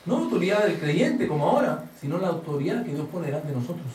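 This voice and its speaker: Animated pastor, high lively voice. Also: male voice, fast, a little hiss or hum. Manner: animated storytelling, acting out Bible scenes; asks the congregation questions. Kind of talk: sermon. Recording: echoey hall, mic from a distance.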